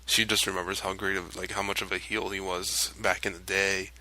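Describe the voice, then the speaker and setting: A man's voice: low voice, level tone, a little fast, pushed and bright, rough recording. A man co-hosting a podcast in laid-back, hesitant casual chat. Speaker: podcast co-host.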